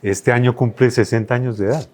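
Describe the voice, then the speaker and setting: A man's voice: medium pitch, steady tone, fairly quick, a little mellow. A man hosting a formal newspaper interview, polite and deferential toward his guest. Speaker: interviewer, host.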